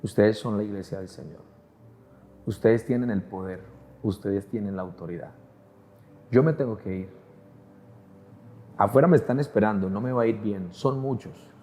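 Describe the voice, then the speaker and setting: A man's voice: lowish voice, normal speed, pauses often, dark tone, faint music behind, voice pushed down, lightly acted. A man quoting a pleading male demon. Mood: solemn warning.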